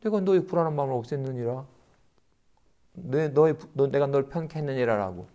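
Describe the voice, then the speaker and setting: A man's voice: fairly quick, lo-fi sound. A middle-aged man, a Buddhist monk, giving a conversational dharma lecture on a sutra. He often checks in with his listeners and acts out the voices he quotes. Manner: animated, acts out quoted voices with pitch jumps; conversational, often adds tag questions.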